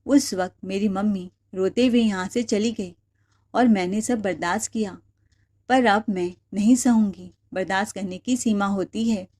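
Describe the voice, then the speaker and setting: A woman's voice: medium pitch, moderate pace, darkish tone, natural voice. A woman voicing a wronged young wife who defends herself in an earnest, firm way. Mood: defiant.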